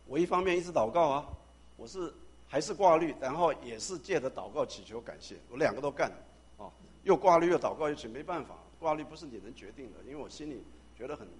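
A man's voice: on the high side, fairly quick, husky. A man who is a pastor, telling a personal testimony in a sermon, acting out the dialogue and sometimes stammering or repeating words. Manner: animated storyteller who acts out dialogue.

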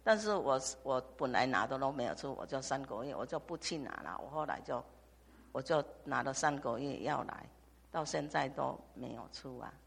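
An older woman from Taiwan, giving a halting church testimony full of restarts and repetitions. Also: rumbling low, expressive, vocal fry, breathy edge. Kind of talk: personal testimony. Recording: long hall reverb.

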